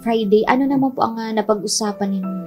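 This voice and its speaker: A woman interviewer with a fairly high voice puts polite but direct questions to each witness in turn. Clear music plays underneath her. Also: fast, darkish tone. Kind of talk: investigative questioning.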